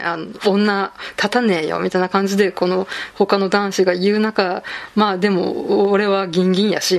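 A woman's voice: medium pitch, creaky. A woman around forty from Japan's Kanto region hosts a casual solo podcast, talking through a manga review with plenty of fillers and fan asides. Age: late 30s to 40s. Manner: chatty, frequent fillers and asides, self-deprecating fan talk. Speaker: podcast host.

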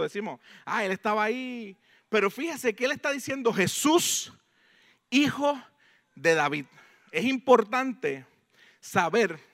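A man with a Puerto Rican accent preaching a sermon, swinging between loud proclamation and hushed emphasis. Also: high-pitched. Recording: long hall reverb.

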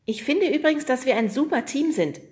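A woman's voice: high-pitched, expressive, brisk, darkish tone, pitched above the performer's own voice. Woman doing a bubbly, bossy schoolgirl. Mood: gushing.

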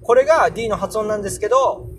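A man's voice: high-pitched, fast talker, slight background noise. A young man casually hosting a solo podcast, explaining English pronunciation and sounding out example words aloud. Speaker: podcast host.

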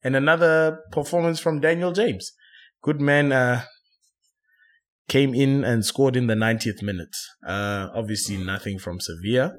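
A man leads a relaxed football discussion in an ordinary middle-pitched voice. He talks with frequent fillers and stops to correct himself. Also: moderate pace. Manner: hesitant, self-correcting, many fillers. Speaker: podcast host. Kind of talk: casual football chat.

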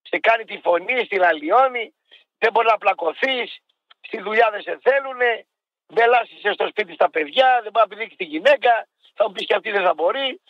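Wry Greek radio co-host, dull lo-fi sound. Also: male voice, high voice, expressive, dry recording. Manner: grumbling, wry, repeats himself. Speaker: radio sports show co-host. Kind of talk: casual sports radio banter.

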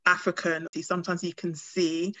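Bright and forceful, her fairly low voice holds a level tone at normal speed in a dry recording. She is a clinician who grew up in Britain in a Ghanaian family, talking casually and thoughtfully on a podcast with frequent fillers and restarts.

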